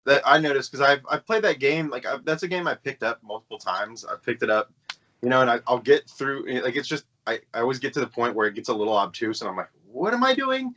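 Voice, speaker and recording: A man's voice: mid-range voice, fast talker, sharp tone. A man co-hosting a gaming podcast, chatting casually and rambling with plenty of fillers and restarts. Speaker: podcast co-host. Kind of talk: casual chat. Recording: dull lo-fi podcast audio.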